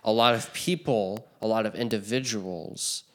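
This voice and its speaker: A man with a fairly low voice chats on a podcast. He rambles, circles back and restarts sentences, filling gaps with "like" and "you know." His talk is loose and unscripted. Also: moderate pace. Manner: rambling, lots of fillers and restarts. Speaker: podcast co-host. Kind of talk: casual chat.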